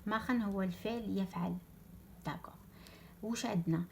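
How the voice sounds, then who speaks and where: A young woman with an Algerian Arabic accent teaching a German lesson, repeating example words slowly and dropping French words into her explanations. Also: mid-range voice, vocal fry, a little hiss or hum. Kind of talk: online language lesson.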